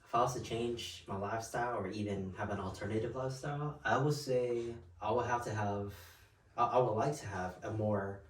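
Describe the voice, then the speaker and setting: A man's voice: on the low side, a little fast, distant mic. A man in his early twenties co-hosting a casual podcast, prompting the others with follow-up questions. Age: early 20s. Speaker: podcast co-host leading questions. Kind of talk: casual chat. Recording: roomy sound, mic set back.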